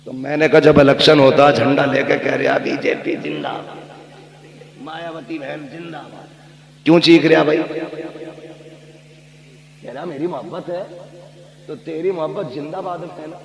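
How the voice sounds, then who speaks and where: A man's voice: a little high, fairly even intonation, moderate pace, vocal fry, pauses often. A male Islamic preacher giving a sermon at a gathering, exhorting the crowd and chanting a genealogy in a raised, sing-song cadence. He says he is tired. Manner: exhorting, urging the crowd to respond loudly. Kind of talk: sermon at an outdoor religious gathering. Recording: echoey public address with crowd.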